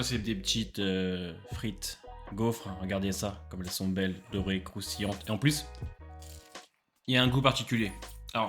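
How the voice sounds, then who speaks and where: A man's voice: lowish voice, a bit bright. Chatty young man reviewing food. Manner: enthusiastic, many filler "euh"s. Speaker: food vlogger. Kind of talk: casual food review vlog.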